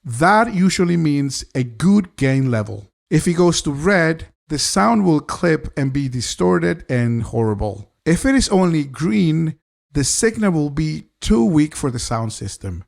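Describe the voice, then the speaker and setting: A live sound engineer teaches mixing in a scripted tutorial, upbeat and talking straight to the viewer. He is very animated yet a little slow, with a fairly high pitch and vocal fry.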